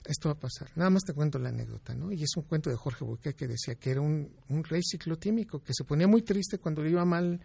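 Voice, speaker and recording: A man's voice: on the high side, fast, creaky, hardly any pauses, dark tone, slightly rough, dry recording. A man, a doctor guest in an interview, giving emphatic advice and explaining with examples.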